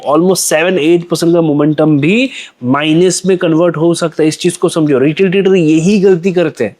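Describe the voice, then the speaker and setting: Explaining trading charts as a lesson, a young man speaks at a normal speed in a steady, slightly mellow voice on the high side. The trading educator poses and answers his own questions and repeats phrases to stress points.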